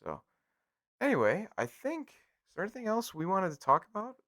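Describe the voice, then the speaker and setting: An American man co-hosts a casual gaming podcast, joking informally and talking straight to listeners. His voice sits high with huge pitch swings, a bit bright, at normal speed. The studio-quality recording has no room sound.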